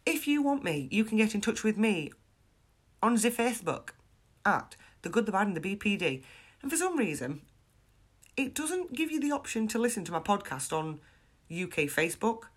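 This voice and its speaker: A woman's voice: medium pitch, big pitch swings, moderate pace. A woman with a chest infection, hosting a casual solo podcast in a chatty, frank, self-deprecating way. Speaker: podcast host.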